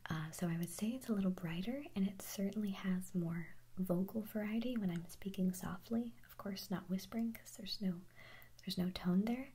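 For an ASMR video, a young woman whispers answers to viewer questions in a soft, airy, medium-pitched voice with a mellow, slightly husky tone. She rambles loosely and chattily, giggling, correcting herself and often restarting sentences.

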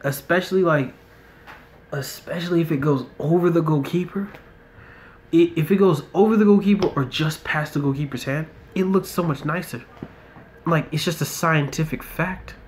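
A young US man narrates a mobile football game he's playing indoors in a relaxed tone, with occasional rants and muttered remarks. His voice leans high, his pace is moderate, and a little hiss or hum runs underneath.

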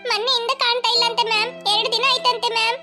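Plaintive little cartoon schoolboy. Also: female voice, very high voice, flat delivery, very fast. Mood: sad. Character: young schoolboy, earnest and upset. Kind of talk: cartoon voice acting. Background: music.

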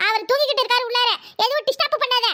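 A woman's voice: extremely high pitch, very fast, pushed and bright. A woman voicing a harsh, scheming mother-in-law who scolds and threatens. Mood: scolding.

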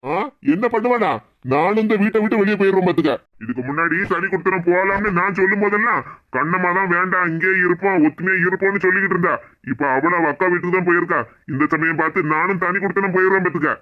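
A man's voice: sits high, fast talker, phone-quality sound, natural voice. A man voicing a young married husband in a cartoon who heatedly defends his wife, speaking with a Kanyakumari accent. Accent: Kanyakumari Tamil. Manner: heated, protective.

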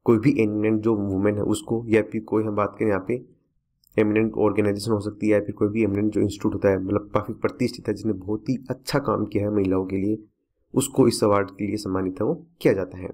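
A man's voice: fairly low pitch, little pitch movement, fast talker, darkish tone. A man teaching a current affairs lesson for exam students, repeating key facts to remember.

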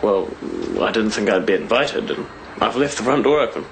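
A man's voice: on the low side, expressive, normal speed, background noise. An actor playing a wry, teasing young man next door in a TV soap, with a New Zealand accent. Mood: teasing, wary. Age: young adult. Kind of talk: naturalistic TV soap acting. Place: indoors, small flat.

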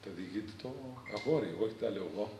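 A man's voice: fairly low pitch, mellow, a little hiss or hum. A man who is a priest, telling a story to an audience and acting out the people he quotes. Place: event venue at a country estate. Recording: roomy echo, faint ambience.

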